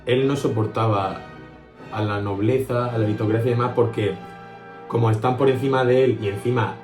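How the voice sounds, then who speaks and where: A man's voice: mid-range voice, steady tone, brisk, darkish tone. Young guy cohosting a music podcast, keeps agreeing, echoey room w faint music under it. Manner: agreeable, keeps saying "claro" and "efectivamente". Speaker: podcast co-host. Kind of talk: casual chat about music history.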